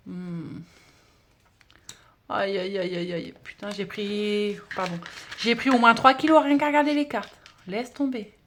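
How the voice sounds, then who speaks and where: A woman's voice: mid-range voice, fairly even intonation, measured pace, long pauses, a little hiss or hum. A woman vlogger chatting casually as she unboxes a parcel, gushing and exclamatory, with many fillers. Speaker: budget-challenge vlogger.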